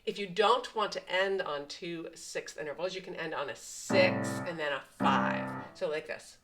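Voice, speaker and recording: A woman with a fairly low voice teaches piano at the keyboard, explaining each pattern patiently and counting beats aloud. Loud piano playing runs under her words. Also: normal speed, low-quality recording. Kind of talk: step-by-step piano tutorial. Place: at a piano, indoors.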